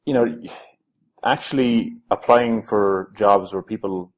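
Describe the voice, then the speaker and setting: A man's voice: lowish voice, slow pace. A man hosting an interview, adding his own points and encouraging the guest. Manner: affirming, frequent back-channel encouragement. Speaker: interview host. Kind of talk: casual interview.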